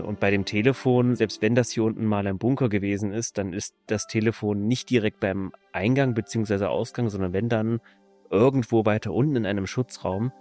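Lowish man musing about a game. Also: darkish tone. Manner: musing, questioning. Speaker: podcast host. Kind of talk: casual chat about a video game.

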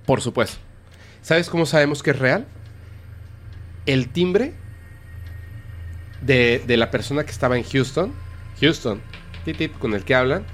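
A man, hosting a casual podcast and animatedly retelling a story, acting out the quotes. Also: medium pitch. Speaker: podcast host.

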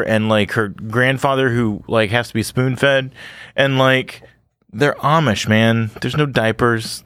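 A man co-hosts a casual podcast in a mid-pitched voice and makes wry jokes as he goes. He rambles through his points, filling them with "like". The recording is dry and close. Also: fairly bright tone, clear, resonant tone, dry recording. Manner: wry, joking, rambling with lots of "like". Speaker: podcast co-host. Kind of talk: casual chat.

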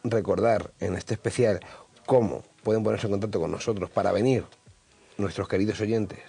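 A man's voice: on the low side, steady tone, normal speed, vocal fry, dark tone, husky. A man hosting a radio travel show in casual studio chat, rambling and full of hesitations.

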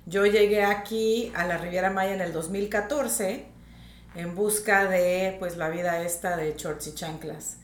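A woman's voice: lowish voice, steady tone, reverberant. Direct woman from northern Mexico. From northern Mexico, grew up in Tijuana. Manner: direct, quick to laugh. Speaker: real estate agent, podcast guest. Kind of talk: casual interview chat.

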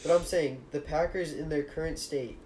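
A man's voice: fairly high pitch, normal speed, darkish tone, a little hiss or hum. A young man co-hosting a casual podcast, arguing football picks and teasing his friends. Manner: argumentative, teasing. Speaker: podcast co-host. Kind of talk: casual chat about football.

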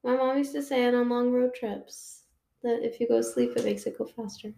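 A woman's voice: fairly high pitch, steady tone, brisk, gravelly, dark tone. Chatty woman with sarcastic asides, echoey room. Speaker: podcast co-host. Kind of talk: casual chat.

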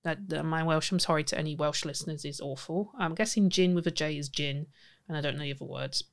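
A woman's voice: sits low, quick pace, gravelly. Chatty young woman hosting a podcast. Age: 20s. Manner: chatty and rambling, giggles, self-correcting. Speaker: podcast host. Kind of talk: casual chat.

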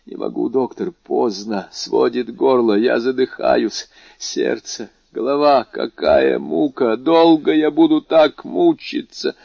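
A man's voice: lowish voice, steady tone, a little slow, gravelly, few pauses, a little mellow, slightly rough, no echo, exaggerated voice. A man voicing a dying old servant, pleading cries. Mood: anguished. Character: old male servant, poisoned, dying in agony. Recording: dull dry lo-fi recording.

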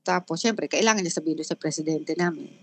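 A middle-aged woman with a Filipino accent, mixing Tagalog and English in a candid interview, halting and full of restarts. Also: low-pitched. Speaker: guest. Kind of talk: emotional personal interview.

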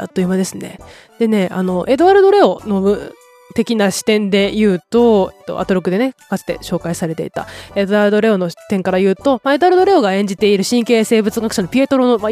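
A woman's voice: mid-range voice, lively intonation, quick pace, dark tone, faint music behind. A woman hosting a podcast, chatting casually and enthusiastically about films and acting out quoted lines. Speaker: podcast host. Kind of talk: casual film chat.

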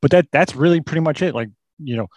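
A man's voice: on the high side, fast talker, darkish tone, dry recording. Man, podcast co-host, easygoing, offhand chat, mid-range voice, dry sound. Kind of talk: casual movie review chat.

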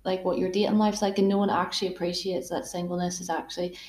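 A 20-year-old woman with a Northern Irish accent, co-hosting a casual podcast chat with lively, emphatic talk. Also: fairly low pitch, fast talker. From Northern Ireland. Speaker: podcast co-host. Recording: roomy echo.

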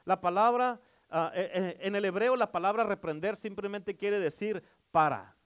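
A man's voice: high-pitched, moderate pace, clean tone. A middle-aged male pastor preaching a sermon, emphatic and repetitive, often calling for amens.

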